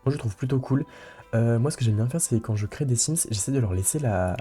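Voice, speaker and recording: A man's voice: mid-range voice, animated, fairly quick, warm tone, soft background music. Rambling young man narrating gameplay. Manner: rambling, many fillers and restarts. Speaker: let's play host. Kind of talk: casual gameplay commentary.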